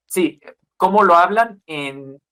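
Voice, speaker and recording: A man's voice: high voice, lively intonation, takes it slowly, bright, forceful tone. A man in his twenties with a Guadalajara Mexican accent, a podcast guest explaining at length in casual chat, listing examples and tagging questions onto his sentences. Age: 20s. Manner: lecturing, lists examples, frequent tag questions.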